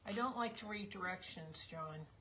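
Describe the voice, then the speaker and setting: A woman's voice: mid-range voice, normal speed, background noise. A woman co-hosting a casual live craft stream from a basement room. She rambles in a chatty way, teases her husband, and her voice is slightly giving out. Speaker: craft show co-host. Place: basement tavern room of a house.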